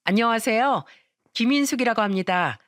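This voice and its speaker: A woman's voice: medium pitch, very animated, normal speed, fairly bright tone, no echo, studio quality. A woman voicing a shameless, smug female team leader who was once the narrator's boss.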